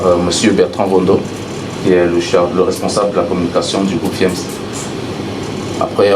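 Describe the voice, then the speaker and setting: A man acting as master of ceremonies, giving a formal, ceremonious and somewhat hesitant welcome at a press conference. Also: deep voice. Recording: distant mic in noisy room.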